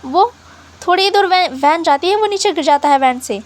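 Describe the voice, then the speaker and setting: A woman's voice: very high-pitched, lively intonation, moderate pace. A woman narrating a fan fiction story in a casual, chatty way, mixing in English words.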